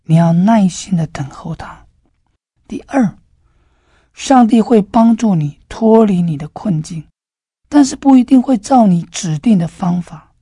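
A woman giving a devotional sermon, telling a story in a gentle, earnest way. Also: mid-range voice, lively intonation, measured pace, breathy edge, no echo, clean studio sound. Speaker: preacher.

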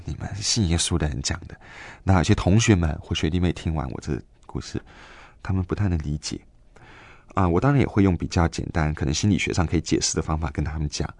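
Young guy telling his story, really low voice, kinda halting w lots of fillers, dry close sound. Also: a little mellow, no room sound. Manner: earnest, halting, with many fillers and restarts. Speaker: guest giving a faith testimony. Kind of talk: emotional personal storytelling.

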